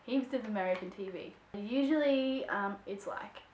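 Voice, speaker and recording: A young Australian woman vlogging to camera, answering viewer questions in a chatty, expressive way. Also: medium pitch, normal speed. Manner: chatty and expressive, acts out quoted voices. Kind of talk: casual chat to camera. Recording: echoey room.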